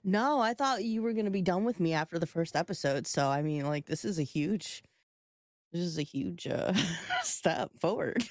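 A woman's voice: lowish voice, animated, moderate pace, no echo, clean studio sound. A woman co-hosting a podcast in casual banter, with a wry, teasing way of talking. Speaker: podcast co-host.

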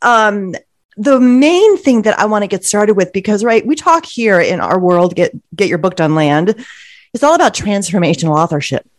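A woman's voice: mid-range voice, very animated, moderate pace, no room sound, studio quality. Upbeat chatty woman podcast host. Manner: upbeat, chatty, many "like" fillers. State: slight frog in throat. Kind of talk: enthusiastic interview.

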